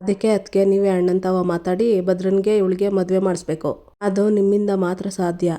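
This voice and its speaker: A scheming mother begging through tears, as a woman narrator puts her on, in a soft, mellow voice with little melody. She sounds like a serial villain putting on a humble act. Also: mid-range voice, little pitch movement, normal speed, close to an everyday voice. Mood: pleading. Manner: pleading, tearful. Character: tearful scheming mother pleading with sister-in-law.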